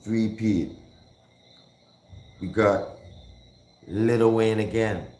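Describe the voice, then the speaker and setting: Speaking extremely slowly, a man with a fairly low, steady, slightly mellow voice runs a hip hop call-in show. He's relaxed and slangy as he counts down the songs and bursts into rap, all captured in an echoey room with faint noise behind him.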